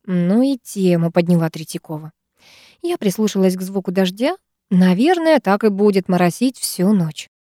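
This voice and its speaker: A woman narrating a first-person novel as an audiobook, with a lively, expressive reading. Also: medium pitch, normal speed, no echo, clean studio sound.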